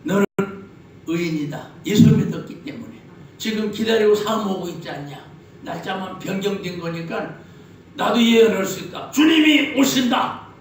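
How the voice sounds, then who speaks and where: A man's voice: sits high, normal speed. A man preaches a sermon. He spins jokey stories and fires off rhetorical questions. He is heard from a distance in a very echoey hall, with faint noise behind him. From Chungcheong, Korea. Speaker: pastor.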